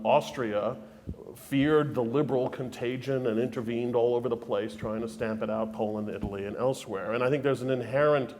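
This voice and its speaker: A man speaking as a panelist, answering an audience question in a conversational, halting way. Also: mid-range voice, a little mellow. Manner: conversational, with frequent restarts. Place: lecture hall. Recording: long hall reverb.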